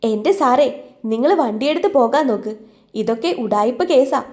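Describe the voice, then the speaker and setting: Lady doing a shopkeeper guy waving off trouble, mellow dark tone. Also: a little high, moderate pace, close to an everyday voice. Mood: dismissive. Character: middle-aged male shopkeeper, dismissive.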